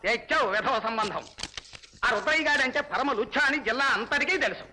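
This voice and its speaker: A man's voice: very high voice, expressive, fast, bright, forceful tone, slight background noise, heavily acted, low-quality recording. An actor playing a fussy village man who reads out a wedding invitation and takes offence. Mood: indignant. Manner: fussy, indignant. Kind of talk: 1980s film dialogue.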